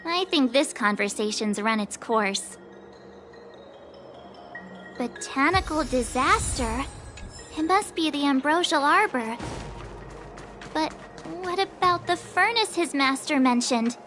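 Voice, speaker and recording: A woman's voice: high voice, animated, takes it slowly, pauses often, a bit bright, exaggerated voice. An actress playing an upbeat young female space traveler in a video game, talking in a cheerful, frank, reassuring way. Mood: musing. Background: faint game music.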